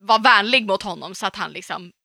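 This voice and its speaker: Podcast co-host, woman from Umeå: animated storyteller, bright tone, dry close sound. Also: medium pitch, gravelly, dry recording. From Umeå, Sweden. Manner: lively storytelling, acts out quotes, swears casually. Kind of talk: casual chat.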